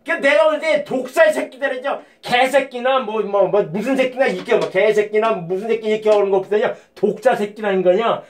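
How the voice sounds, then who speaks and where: A man's voice: sits high, fairly quick, hardly any pauses, slight background noise. A man giving an informal sermon in a blunt, profane way, with sudden emphatic outbursts. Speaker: lay preacher.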